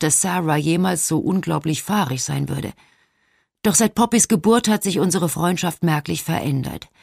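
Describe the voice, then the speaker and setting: A woman reading a novel aloud in the first person as an audiobook narrator, measured and expressive. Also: low-pitched, vocal fry, no echo, studio quality.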